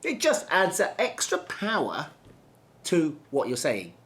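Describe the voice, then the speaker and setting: This is a middle-aged male trainer giving a lesson on speaking. His pitch swings widely. He demonstrates each point as he goes, drawing words out and repeating them. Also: wildly swooping pitch, fairly bright tone. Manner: demonstrative, slows down and stretches words for emphasis, repeats key words. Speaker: presentation skills trainer. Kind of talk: instructional talk to camera.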